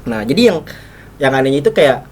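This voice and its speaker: A man's voice: medium pitch, very animated, brisk, a little hiss or hum. A man telling a ghost story in casual chat, rambling with many restarts. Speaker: podcast co-host telling a story.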